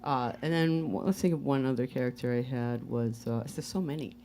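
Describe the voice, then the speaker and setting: Woman, low voice, playful, rambling, trailing off, band frontwoman on a live podcast. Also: fairly quick, mellow, slight background noise. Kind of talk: casual interview chat. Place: music bar.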